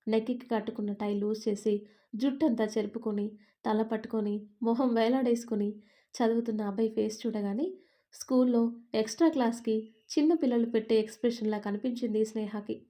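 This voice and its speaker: Woman storyteller, calm scripted narration; warm, mellow, fairly high. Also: brisk.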